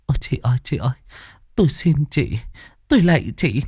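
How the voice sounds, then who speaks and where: A man voicing a kind, soft-hearted old village aunt in a spoken ghost story, talking in a tender, fussing way. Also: medium pitch, big pitch swings, fairly quick, husky, no echo, clean studio sound. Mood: pleading.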